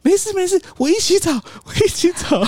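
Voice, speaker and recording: A man putting on a high, hurried falsetto as a flustered male boss trying to calm a fight. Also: no room sound. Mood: placating. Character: flustered big boss man, placating, squeaky.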